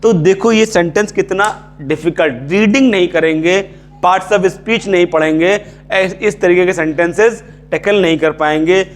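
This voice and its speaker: Higher-voiced Indian man teaching English grammar. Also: measured pace, slight background noise. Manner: repeats key terms, checks in with "ठीक है". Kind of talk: casual classroom lecture.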